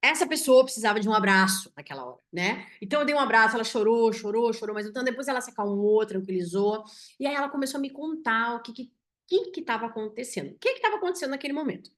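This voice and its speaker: A woman physician with a Brazilian Portuguese accent tells a patient case to her audience. She speaks in an animated way and often ends her sentences with "né?". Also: on the high side, fast. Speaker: physician teaching symbolic medicine. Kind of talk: storytelling a case to an online audience.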